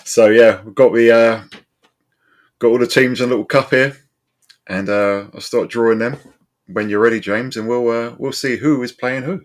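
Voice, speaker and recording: Man speaking haltingly in a casual chat. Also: medium pitch, steady tone. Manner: halting, with frequent fillers and restarts. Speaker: co-host.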